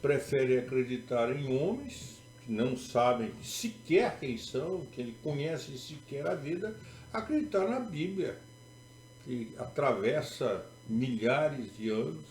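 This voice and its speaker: A man's voice: medium pitch, lively intonation, slow, darkish tone. A Brazilian man with a Brazilian accent preaching a sermon as a pastor, emphatic and repetitive, with sarcastic turns. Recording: echoey room with faint music.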